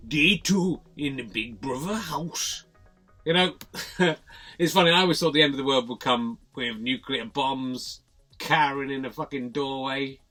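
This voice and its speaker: Man doing cynical bloke, forties, sardonic rambling, slightly high voice, faint music behind. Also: fairly bright tone. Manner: sardonic rambling with laughs and swearing. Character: cynical middle-aged man alone in lockdown. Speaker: man self-isolating alone. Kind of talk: improvised video diary. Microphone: webcam or phone at home.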